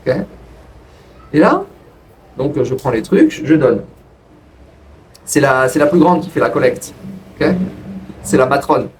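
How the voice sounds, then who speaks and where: A man's voice: slow, pauses often. A man casually telling a personal story to his viewers in a rambling way, with frequent restarts. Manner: rambling, restarts, lively pitch jumps. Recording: distant from the mic with faint ambient noise.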